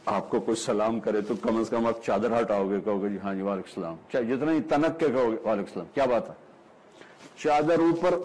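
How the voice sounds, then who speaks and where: A man preaching a sermon, telling a story with acted-out dialogue and slowly recited verses. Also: mid-range voice, a little mellow, low-quality recording.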